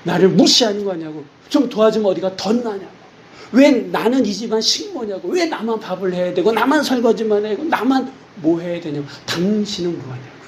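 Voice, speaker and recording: A man's voice: high voice, animated, brisk, pitched above the performer's own voice. A man doing an exasperated nagging wife. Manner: complaining, piling up grievances.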